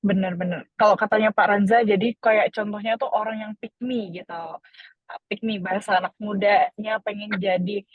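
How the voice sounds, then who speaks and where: A woman hosting and reading out audience questions in a relaxed, chatty way. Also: medium pitch, normal speed, no echo. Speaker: host. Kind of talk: moderating a Q&A. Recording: dull lo-fi online talk audio.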